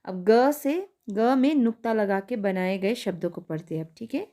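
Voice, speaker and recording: A woman teaching young children online, sounding out words slowly and asking questions she answers herself. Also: medium pitch, lively intonation, mellow. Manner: slow, carefully spelled-out pronunciation drills. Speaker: primary school teacher.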